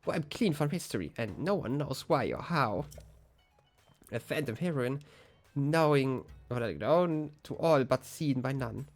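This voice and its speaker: A man reading game dialogue aloud in a disguised deep voice, voicing a flirty, stammering desert man. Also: expressive, measured pace, soft background music. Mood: bashful. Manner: lowered put-on voice, stammering and bashful.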